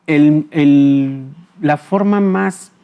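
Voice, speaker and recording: A man, a psychologist guest explaining things calmly in an interview, often pausing on fillers and checking in with short tag questions. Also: on the high side, clean tone, narrow, tinny audio. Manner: frequent filler hesitations.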